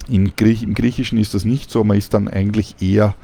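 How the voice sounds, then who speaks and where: Male language teacher, deep and gravelly, calm explanatory delivery. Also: brisk. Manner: calm, explanatory, with frequent fillers. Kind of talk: explaining Greek pronunciation.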